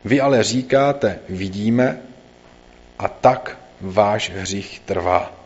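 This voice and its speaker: A man reading the words of Jesus, calm and low, in a slightly dull recording. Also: lightly acted. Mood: solemn. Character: calm male teacher, Jesus, solemn.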